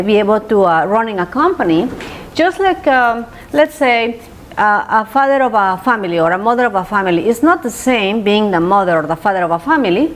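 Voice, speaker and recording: A woman giving conversational commentary as a show co-host, sometimes halting and drawing out words. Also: mid-range voice, a little hiss or hum.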